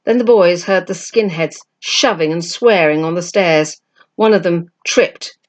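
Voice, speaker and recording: Reading a children's story in an unhurried, slightly low voice, a woman performs as a storyteller, giving expressive narration and acting out each character's lines.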